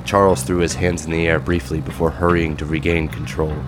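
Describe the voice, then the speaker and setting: A man's voice: rumbling low, little pitch movement, brisk, music in the background. A man narrating a scripted audio drama in a dramatic storytelling style.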